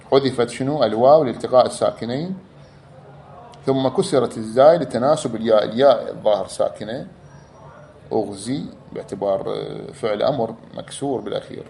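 A man's voice: mid-range voice, vocal fry, mellow. Man lecturing. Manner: repeats words, stretches out examples. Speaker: teacher. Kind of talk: explanatory lecture.

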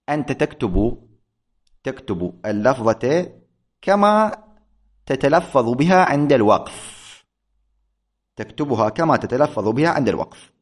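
A man teaching a grammar lesson, reading from a text and explaining it, slowing down to spell out examples and asking the class questions he then answers himself. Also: mid-range voice.

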